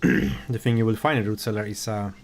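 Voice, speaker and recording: A man, a game developer, giving relaxed, halting commentary on his own game with an amused tone. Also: on the low side, faint music behind.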